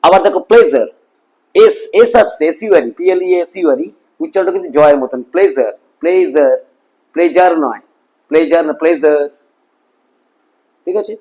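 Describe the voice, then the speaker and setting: Male tutor, Bengali accent, somewhat higher pitch, patient drill-style pronunciation lesson. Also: expressive, darkish tone, rough recording. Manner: repeats words slowly and checks in with listeners often. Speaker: spoken English teacher. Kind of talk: phonetics lesson explaining sounds and symbols.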